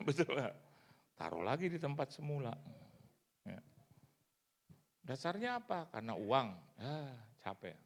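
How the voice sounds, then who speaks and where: Gravelly-voiced male preacher. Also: mid-range voice, slow pace, long pauses. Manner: lively storytelling, acts out other people's voices. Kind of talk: sermon. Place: church service.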